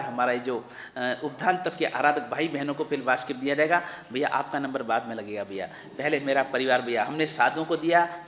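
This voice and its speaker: A man's voice: fairly high pitch, fairly bright tone. A man, a Jain monk, speaks to a congregation with a fervent and repetitive manner, addressing listeners like family. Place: large temple hall. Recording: echoey hall with long reverb.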